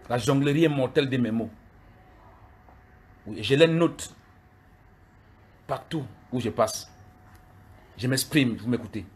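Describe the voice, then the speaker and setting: This is an angry livestream rant by a middle-aged live video streamer from Cameroon, who heatedly confronts his critics directly and repeats himself. His voice sits in the mid range, and the recording has a little hiss or hum.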